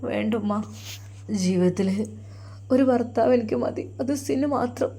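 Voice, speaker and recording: A woman voicing a heartbroken young wife who speaks quietly and tearfully, with a Malappuram Malayalam accent. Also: high-pitched, steady tone, moderate pace. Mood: grieving. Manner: quiet, sobbing, hushed.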